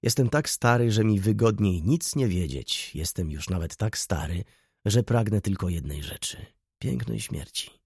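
A man reading an audiobook, voicing an old, dreamy and loyal male shop clerk who speaks gently and probingly. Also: fairly low pitch, animated, unhurried, creaky, breathy edge, no room sound, clean studio sound, full character voice. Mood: wistful.

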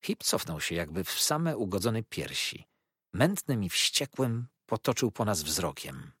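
A man narrating a novel aloud in an expressive, dramatic reading. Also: lowish voice, measured pace, husky, no room sound, studio quality. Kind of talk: audiobook narration.

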